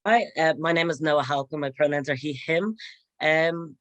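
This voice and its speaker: A man's voice: a little high, normal speed, fairly bright tone, no echo, highs cut off. An Irish man in his late twenties, chatting as an interview guest in a rambling way with plenty of "you know"s. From Ireland, North County Dublin. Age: late 20s. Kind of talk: casual interview chat.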